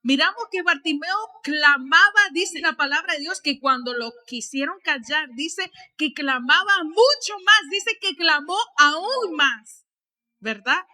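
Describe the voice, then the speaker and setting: High bright animated woman preacher. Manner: animated preaching, rising to shouts and dropping to soft asides; frequent tag questions to the congregation. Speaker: pastor. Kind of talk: sermon. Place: church.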